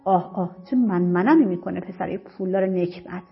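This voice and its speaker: A woman narrating a dramatic first-person story in an emotive, expressive way. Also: on the low side, breathy edge. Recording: slightly muffled with soft music.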